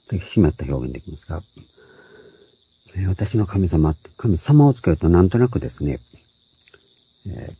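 An older man giving a measured, explanatory Bible sermon, working through scripture word by word and lifting his voice on the quotes. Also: low-pitched, warm tone, husky, dry recording. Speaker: Bible teacher. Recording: dull lo-fi dry recording.

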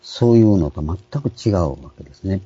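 A man, a pastor, giving a calm, explanatory sermon with frequent pauses and fillers. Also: deep voice, breathy edge, dry recording, muffled recording. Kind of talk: sermon on scripture names.

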